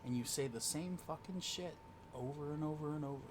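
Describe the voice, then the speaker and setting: A man's voice: on the high side, fairly quick, noisy background. A man cutting a heated wrestling promo, swearing and stammering as he argues. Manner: heated, profane, shouting and stammering. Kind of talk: in-ring promo argument.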